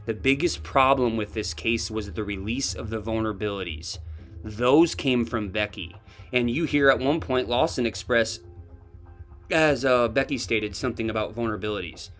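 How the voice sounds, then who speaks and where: A man's voice: medium pitch, moderate pace, fairly bright tone, faint music behind. A man delivering scripted true crime commentary, pressing skeptical questions with pointed emphasis.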